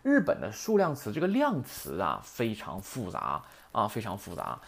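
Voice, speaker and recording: A man's voice: fairly low pitch, huge pitch swings, moderate pace, gravelly, slight background noise. A man teaching Japanese grammar in a chatty lecture, often asking rhetorical questions. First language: Mandarin.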